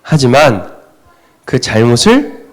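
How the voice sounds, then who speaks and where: A middle-aged pastor with a mid-range, sing-song voice preaches slowly in a church sanctuary. He asks the congregation questions and then supplies the answers.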